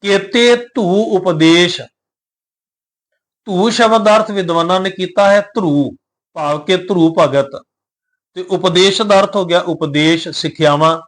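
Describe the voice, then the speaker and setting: A man teaching scripture recitation, slowly chanting each verse line and then calmly explaining its pronunciation, pauses and meaning. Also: high voice. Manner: calm, explanatory, spells out pronunciation. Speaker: Gurbani teacher.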